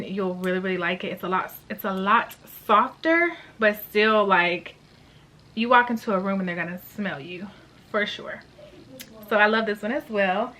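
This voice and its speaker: A beauty vlogger in her late twenties reviews perfumes, chatting casually and gushing in slangy language. Her voice is a little high with a sharp tone.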